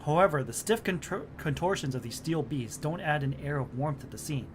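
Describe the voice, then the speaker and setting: A man's voice: on the high side, normal speed, a little hiss or hum. A man reading the narration of a game story aloud on a stream. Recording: music behind the voice. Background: music.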